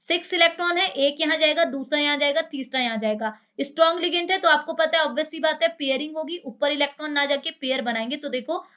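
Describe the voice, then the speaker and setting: A woman's voice: high voice, fast, few pauses, sharp tone, lo-fi sound. A woman with an Indian accent lecturing on chemistry, explaining step by step and asking many rhetorical questions. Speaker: chemistry teacher.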